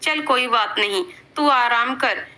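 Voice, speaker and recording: A woman's voice: on the high side, slow, bright, forceful tone. A woman reading a teasing young office guy. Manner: teasing, joking. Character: playful young male office colleague, teasing.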